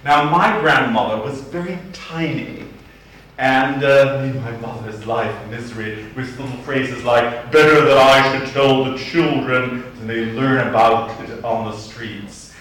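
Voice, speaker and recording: A slightly bright, medium-pitched male voice belongs to a middle-aged archdeacon with a Boston accent, from Boston, USA. He shares wry anecdotes in a comic sermon with slow, deliberate delivery, heard from a distance in a roomy church.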